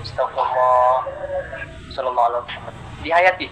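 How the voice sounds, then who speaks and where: A man's voice: mid-range voice, fairly quick, bright, forceful tone. A man preaching a casual sermon, earnest and colloquial, dropping in Arabic terms as he talks. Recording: noisy recording.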